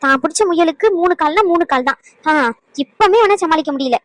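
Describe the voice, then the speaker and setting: A woman voicing an anxious young mother in a cartoon, complaining fast about her sick child. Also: extremely high pitch, expressive, no room sound. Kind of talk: cartoon voice acting.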